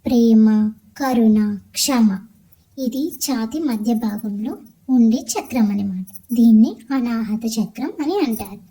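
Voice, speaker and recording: A woman calmly explaining meditation as a teacher, listing each point one at a time in a measured way. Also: a little high, slightly rough, low-quality recording. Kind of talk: calm instructional explanation of chakras.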